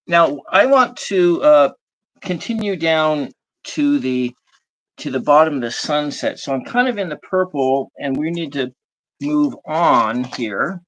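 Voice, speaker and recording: A man's voice: fairly high pitch, fairly bright tone, slight background noise, low-quality recording. A man hosting a casual livestream chat, often hesitating and searching for his words. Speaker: host.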